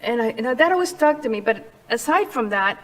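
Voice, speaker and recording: A woman's voice: a little high, animated, a little fast, a bit bright, rough recording. A middle-aged woman from Cuba speaks as a guest in an interview. She tells her story earnestly and with passion. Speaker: guest, charity founder. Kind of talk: interview conversation.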